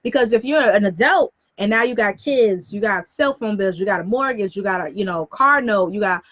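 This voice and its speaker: A woman in her thirties from New York City, a business coach chatting on a live stream in a quick, sassy way full of slang asides. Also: mid-range voice, fairly bright tone, no room sound, highs cut off. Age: 30s. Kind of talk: casual live-stream talk.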